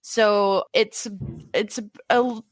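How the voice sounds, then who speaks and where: A young woman co-hosting a casual podcast, talking in a lively, playful way and laughing often. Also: medium pitch, drawn-out words. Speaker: podcast co-host. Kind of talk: casual chat.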